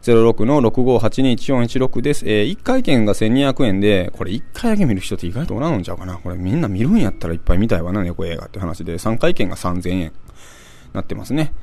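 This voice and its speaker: A man with a Kansai accent hosting a casual radio segment, chatting through event listings with lots of filler pauses and asides to himself. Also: on the low side, big pitch swings, vocal fry, a little mellow. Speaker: host.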